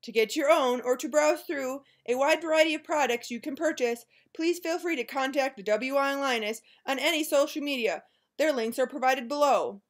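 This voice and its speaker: A woman with a high voice reads a scripted hard sell ad. She plays the infomercial host, posing teasing questions and building up each selling point in an exaggerated sales delivery. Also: normal speed.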